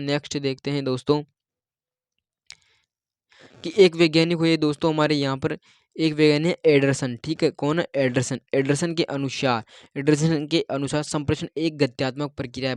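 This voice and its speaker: A man's voice: a little high, smooth, dry recording, studio quality. Man teaching an exam-prep lecture. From India. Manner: repetitive, checks in with 'ठीक है?' often.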